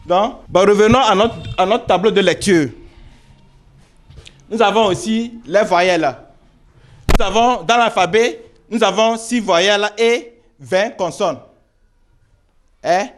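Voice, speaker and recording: A man's voice: sits high, slight background noise. A man teaching a primary school reading lesson, spelling out syllables, repeating words and checking with the pupils as he goes. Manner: slow, repeats words and syllables, asks "vous voyez?".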